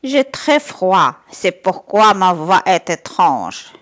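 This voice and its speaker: A woman voicing a sly big bad wolf who drags out his words slowly and sweetly. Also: fairly low pitch, very animated, fairly bright tone, heavily acted. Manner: slow, drawn-out and sly.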